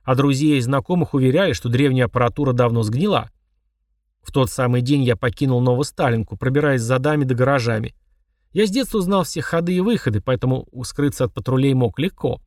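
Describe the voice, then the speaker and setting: A man reading a first-person novel aloud as an audiobook narrator, in a measured, even storytelling manner. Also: mid-range voice, no echo, clean studio sound, distant mic.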